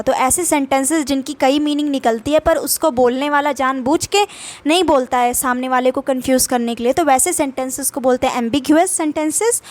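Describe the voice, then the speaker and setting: A young woman teaching English vocabulary in a casual lesson, explaining patiently with restarts and repeats, and speaking English with an Indian accent. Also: high voice. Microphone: voice-over, speaker not seen.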